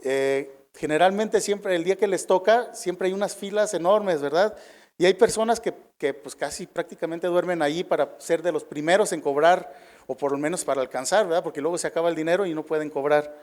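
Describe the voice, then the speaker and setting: A man's voice: fairly high pitch, fairly quick, a little mellow. Man preaching in conversational style. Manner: conversational, frequent tag questions and fillers. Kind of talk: sermon.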